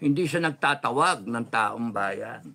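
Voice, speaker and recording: A middle-aged man from the Philippines delivering a heated, cursing political rant, swinging from shouts to low controlled muttering. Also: expressive, a little slow, gravelly, slight background noise. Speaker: political commentator.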